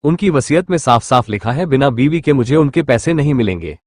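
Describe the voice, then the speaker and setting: Man reading as a calm, menacing rich young husband for an audio story, dry, lively pitch. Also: brisk, dry recording, natural voice. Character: rich, cool, possessive young husband who controls and threatens.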